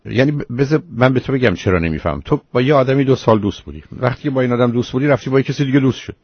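A man's voice: medium pitch, slightly rough, dry recording. A man hosting a radio advice call-in show, calling the caller by fond terms and questioning her closely. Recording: muffled lo-fi radio broadcast.

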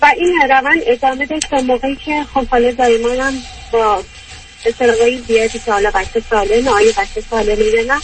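A woman from Iran phoning a radio advice show, her voice coming over the phone line as she tells her story in a halting, roundabout way. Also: a little high, fairly even intonation. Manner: halting, long roundabout telling. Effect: voice heard over a phone line on a radio call-in. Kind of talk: call-in consultation. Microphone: hand-held phone. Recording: distant noisy phone line.

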